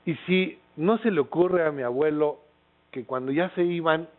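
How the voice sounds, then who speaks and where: A man's voice: a little high, moderate pace. A middle-aged Mexican man with a Mexican accent giving a lecture as a casual storyteller, with lots of fillers and tag questions. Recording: tinny phone-like lecture recording.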